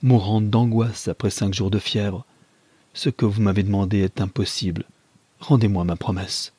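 A man's voice: on the low side, steady tone, normal speed, warm tone, husky, dry recording. A man voicing an anguished young woman who implores her lover.

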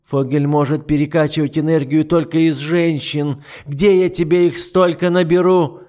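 A man's voice: on the high side, darkish tone, voice pushed up, lightly acted. A man voicing a cold, cruel, scheming duke in an audiobook, condescending and mocking. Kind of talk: audiobook character voice.

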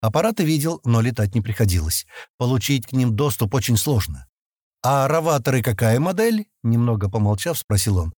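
A male audiobook narrator telling a science fiction story. His voice is somewhat husky and moves in a lively melodic way. The sound is dry and close to the mic. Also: mid-range voice, brisk, no echo. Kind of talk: scripted narration.

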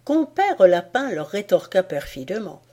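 A woman reading a folk tale aloud as an audiobook, in an expressive storytelling manner. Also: medium pitch, measured pace. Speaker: audiobook reader. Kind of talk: storytelling narration.

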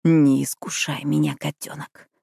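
A woman's voice: deep voice, steady tone, moderate pace, no room sound. A woman voicing a brooding, dangerous ex-convict man who speaks dryly and darkly. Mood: growling. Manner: dry, dark, growling delivery.

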